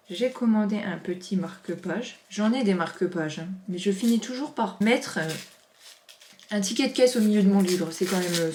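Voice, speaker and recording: A woman's voice: mid-range voice, a little mellow, a little hiss or hum. A woman in her thirties chatting casually as she unboxes parcels, gushing with many exclamations. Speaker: vlogger. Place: home office. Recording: roomy echo.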